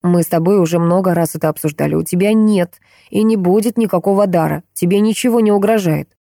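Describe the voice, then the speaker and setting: A woman's voice: fairly low pitch, quick pace, creaky, warm tone, dry recording, studio quality. A woman voicing a middle-aged doctor, a strict and agitated father who speaks sharply and sternly.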